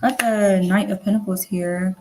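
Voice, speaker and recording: A woman's voice: mid-range voice, fairly even intonation, moderate pace, darkish tone. Rambling woman reading tarot. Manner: rambling and repetitive, full of fillers and casual swearing. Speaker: tarot reader.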